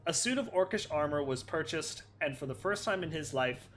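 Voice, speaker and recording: A man's voice: on the high side, expressive, fairly quick, a bit bright, a little hiss or hum. A man hosting a let's play, reading an in-game book aloud in a casual way, laughing and swearing at his slips.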